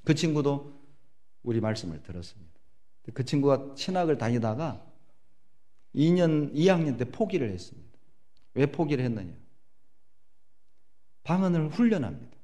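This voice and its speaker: Animated middle-aged Korean pastor preaching. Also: male voice, mid-range voice, normal speed, pauses often. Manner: animated storytelling, acting out prayers and voices. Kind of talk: sermon.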